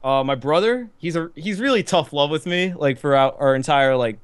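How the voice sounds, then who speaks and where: Rambling young man, slightly high voice. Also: lively intonation, a little fast, clean tone, no echo. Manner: rambling, laughing, many fillers and restarts. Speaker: podcast co-host. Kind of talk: casual chat.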